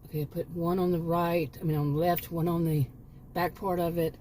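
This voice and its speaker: Mellow-voiced rambling woman in her late fifties. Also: on the low side, flat delivery, brisk, slight background noise. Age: 50s. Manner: digressive, self-correcting, chuckling asides. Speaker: homemaking vlogger. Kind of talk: rambling casual monologue.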